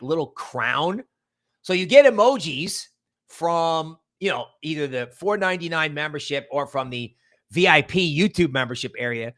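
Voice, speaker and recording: A man with a slightly high, somewhat bright voice hosts a casual livestream. He rambles emphatically, repeats words for stress, and mixes in viewer shout-outs and promotion.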